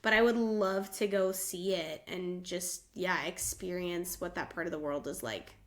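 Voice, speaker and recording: A woman from the United States co-hosts a podcast in casual chat, talking in a chatty way and saying "like" a lot. Her voice is lowish and unhurried.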